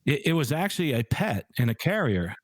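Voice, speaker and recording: A man spinning an anecdote as a podcast guest, animated and quick to laugh. His voice sits at an ordinary middle pitch. It is recorded close and dry, with no room sound. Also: dry recording. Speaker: airline pilot and podcast guest. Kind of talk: casual storytelling interview.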